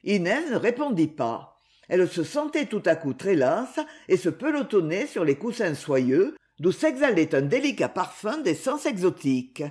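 A woman narrating a novel as an audiobook reader, expressive in her reading. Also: on the low side, moderate pace.

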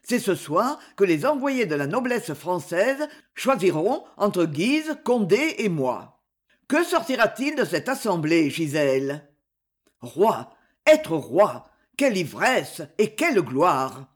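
Une lectrice qui joue un vieux duc ambitieux et grave. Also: female voice, on the low side, very animated, takes it slowly, heavily acted. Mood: ambitious. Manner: grave, forceful declamation. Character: proud ambitious aging duke, a father. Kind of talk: audiobook reading.

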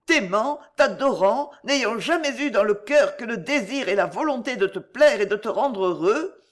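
A reader doing an anguished aristocratic countess, pleading and emotional. Her voice swings widely in pitch as she pours out her confession. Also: very animated, normal speed. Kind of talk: audiobook character reading.

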